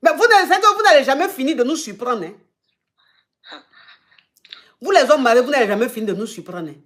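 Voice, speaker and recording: A woman's voice: high voice, animated, brisk. A woman with an Ivorian French accent hosting a call-in advice show, retelling a caller's story back to her with many repeated phrases. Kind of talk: live call-in advice chat.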